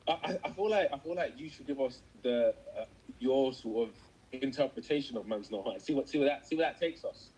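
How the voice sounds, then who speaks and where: A man's voice: medium pitch, fairly quick, mellow, a little hiss or hum, rough recording. A man with a British accent, a voice actor chatting and joking in a casual interview, often restarting his sentences. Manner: jokey, stammering restarts. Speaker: voice actor guest.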